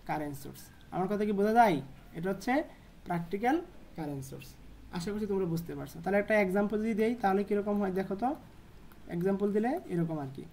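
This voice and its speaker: A woman tutoring electronics at a board, asking questions and answering them herself in a lower voice. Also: warm tone. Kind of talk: whiteboard lesson.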